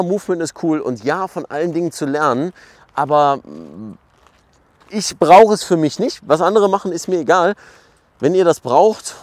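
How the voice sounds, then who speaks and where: A man hosting a podcast, talking in a loose, rambling monologue with many fillers. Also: mid-range voice. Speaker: podcast host. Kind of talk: casual monologue.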